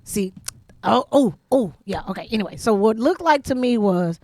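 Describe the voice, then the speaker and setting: A woman co-hosting a podcast in casual chat, relaxed with laughing asides. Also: on the high side, normal speed, dry recording. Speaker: podcast co-host.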